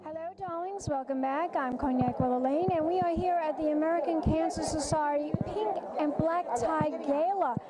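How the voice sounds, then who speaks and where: Campy drag queen hostess, high-pitched and theatrical. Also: moderate pace, hardly any pauses. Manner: campy drag queen style, theatrical, calling people darling. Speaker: host. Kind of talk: showy celebrity event interviewing. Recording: crowd noise at busy event.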